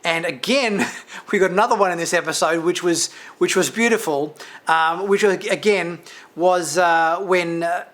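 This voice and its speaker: Male host, somewhat high voice, casual rambling reviewer who breaks into light laughs. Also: moderate pace, fairly bright tone. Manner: rambling, with many fillers and restarts and light laughs. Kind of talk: casual spoken episode review.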